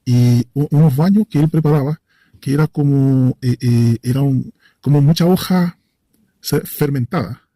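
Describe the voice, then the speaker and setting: Man telling a story, very dark mellow voice, dry close sound, hesitant and vivid. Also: medium pitch, moderate pace, dry recording. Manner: vivid, repeats phrases for effect; hesitant, searching for words. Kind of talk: casual personal storytelling.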